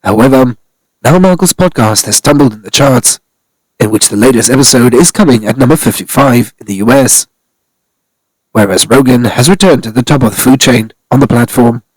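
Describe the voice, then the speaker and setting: A man's voice: mid-range voice, normal speed, slightly rough, no room sound, rough recording. A man narrating a scripted celebrity news commentary, reading steadily from articles.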